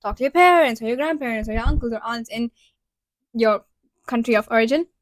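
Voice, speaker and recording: A woman's voice: on the high side, fairly quick, a little hiss or hum. A woman in her twenties from Dubai, co-hosting a casual podcast and explaining things at length in an earnest, talkative way. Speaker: podcast co-host.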